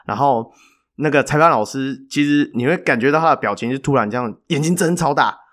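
A man, co-hosting a podcast and telling a story in a chatty, animated way with filler pauses. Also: medium pitch. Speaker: podcast co-host. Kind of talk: casual storytelling chat.

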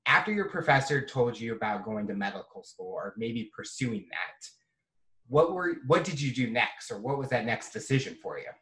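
A man hosting an interview show, asking questions in a relaxed, rambling way. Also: medium pitch, moderate pace, distant mic, poor audio. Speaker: podcast host. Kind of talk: casual interview chat.

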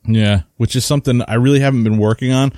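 A man's voice: mid-range voice, fast talker, no room sound, studio quality. A man co-hosting a hobby podcast, chatting casually and telling stories with lots of fillers. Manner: rambling, animated storytelling with many fillers. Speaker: podcast co-host. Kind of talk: casual chat.

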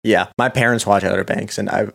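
Young man, lowish voice, dry teasing podcast co-host. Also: steady tone, a little fast, gravelly, a bit bright. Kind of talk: casual chat.

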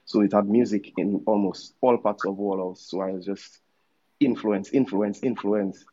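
On a muffled recording, a musician from Dominica in his thirties speaks with a Dominican accent as an interview guest, laid-back and casual, tossing in slangy asides as he tells his story. His voice is lowish, steady and warm, at normal speed.

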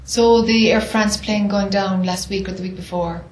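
A woman's voice: medium pitch, steady tone, moderate pace, darkish tone, a little hiss or hum. Woman leading discussion, echoey room. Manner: probing, frequently affirming. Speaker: spiritual discussion leader. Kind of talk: guided question-and-answer dialogue.

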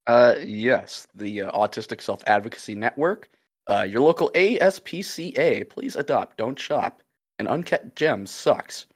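A man co-hosting a casual podcast, sardonic and deadpan. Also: medium pitch, measured pace. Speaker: podcast co-host. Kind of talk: casual chat.

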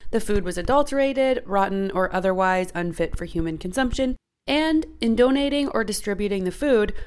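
Woman reading legal text aloud. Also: mid-range voice. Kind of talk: read-aloud explainer segment.

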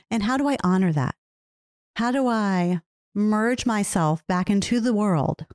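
A woman's voice: on the low side, dark tone, no room sound, clean studio sound. A woman hosting a solo podcast, talking earnestly and reflectively, often repeating phrases and asking herself questions. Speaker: podcast host.

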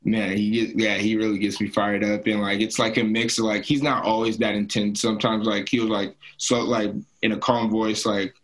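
A man's voice: fairly low pitch, little pitch movement, normal speed, few pauses, rough recording. A young man, a college football player, talking casually on a podcast, laid-back and full of "like". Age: young adult. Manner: laid-back, heavy use of "like".

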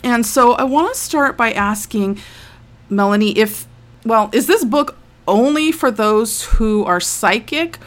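A woman with a medium-pitched voice hosts a radio interview, speaking in a conversational presenting style. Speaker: radio show host. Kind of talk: interview hosting.

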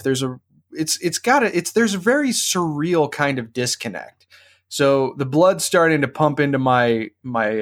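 A male podcast host in the middle of a long, rambling story, full of restarts and self-corrections. His pitch sits right in the middle of the male range. The delivery is casual and conversational. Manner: rambling, animated anecdote with frequent restarts.

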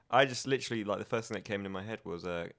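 Super low woman, dry teasing jokes, voice jumps all over. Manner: dry, teasing, bursts into high laughs. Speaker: podcast co-host. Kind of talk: casual chat.

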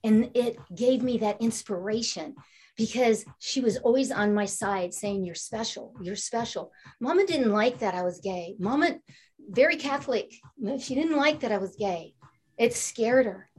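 A woman's voice: a little high, lively intonation, unhurried, darkish tone, slightly rough. Upbeat inspirational woman speaker. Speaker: panel speaker, author. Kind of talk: motivational talk.

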